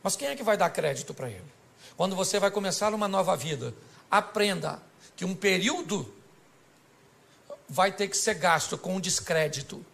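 A man's voice: high voice, expressive, normal speed, gravelly, pauses often, fairly bright tone. A man preaching an extroverted, joking sermon to a church congregation. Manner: extroverted, joking, acts out voices. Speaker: pastor. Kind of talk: humorous sermon.

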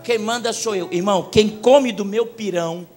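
High-voiced Brazilian preacher with music behind. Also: male voice, normal speed. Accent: Brazilian Portuguese. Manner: storytelling, swings from quiet to shouting. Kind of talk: sermon.

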